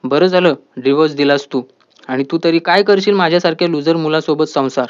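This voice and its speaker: A man's voice: a little high, a little fast, close to an everyday voice. A man reading a bitter young husband. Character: frustrated young husband, shouting, self-pitying. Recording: dull lo-fi audio.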